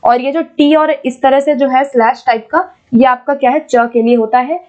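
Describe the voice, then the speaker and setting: A woman teaching an exam-prep lesson, patiently explaining and reading English questions out slowly. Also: high-pitched, warm tone, muffled recording. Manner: explains patiently, repeats points, keeps checking with "ठीक है".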